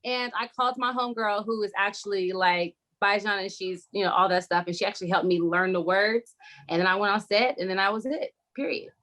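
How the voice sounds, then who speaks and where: A woman's voice: medium pitch, fairly even intonation, brisk, a bit bright. A woman actress guest on a talk show, telling her story in a candid, playful way and swearing freely. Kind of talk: casual interview chat.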